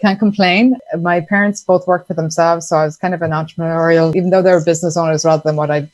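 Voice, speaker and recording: Irish lady chatting as a podcast guest, pretty low voice, lots of ums and little laughs, dry sound. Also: fairly even intonation, fast, a little mellow, no echo, poor audio. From Ireland. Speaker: podcast guest, sponsorship consultant. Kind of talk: casual interview chat.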